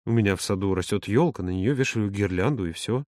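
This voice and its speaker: A man voicing a calm, grumbling grown man in an audiobook, lower and quieter than his narration. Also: fast, no room sound, studio quality, lightly acted. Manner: low, quiet, subdued. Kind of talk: audiobook character voice.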